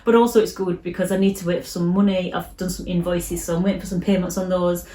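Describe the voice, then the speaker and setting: A woman illustrator talking casually to camera in her vlog, gentle and reassuring, often restarting her sentences. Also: lowish voice, little pitch movement, quick pace. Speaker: illustrator vlogger. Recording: roomy echo.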